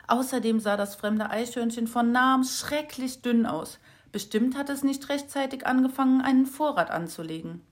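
A woman narrating a children's storybook with an expressive, lively reading. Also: sits high, normal speed.

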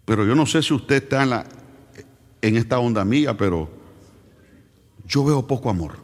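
A man preaches with fervor, his ordinary, mid-pitched voice now and then rising into shouted, sung-out phrases. He keeps putting questions straight to the congregation. The church hall lends a long, trailing echo. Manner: fervent preaching that swells into shouted, sung-out lines; asks the congregation direct questions. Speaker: pastor. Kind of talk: sermon.

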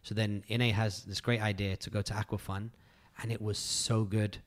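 A man's voice: on the low side, flat delivery, normal speed. A man co-hosting a podcast in casual chat, telling stories in an emphatic way and repeating himself for effect. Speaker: podcast co-host.

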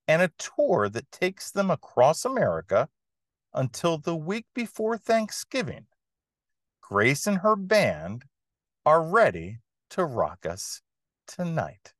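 Animated, unhurried male music podcaster. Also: on the high side, no echo, clean studio sound. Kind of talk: enthusiastic music review monologue.

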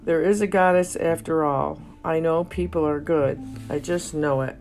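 A woman's voice: deep voice, steady tone, normal speed, creaky, darkish tone. Woman reading a poetic memoir over guitar. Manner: reflective, emotional, poetic. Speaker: narrator. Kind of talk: reading a personal memoir aloud. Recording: faint guitar music behind.

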